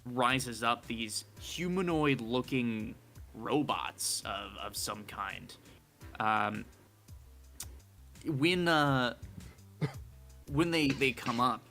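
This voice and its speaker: A man narrating as game master of an online tabletop game, slow and halting, with many fillers. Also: medium pitch, animated, pushed and bright, faint music behind.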